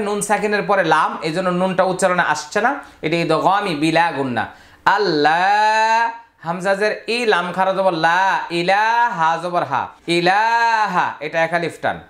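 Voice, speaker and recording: High-voiced man teaching Quran reading. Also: fairly bright tone. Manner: spells syllables slowly, then chants words in long drawn-out recitation. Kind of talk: spelled-out Quran reading lesson. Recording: roomy echo.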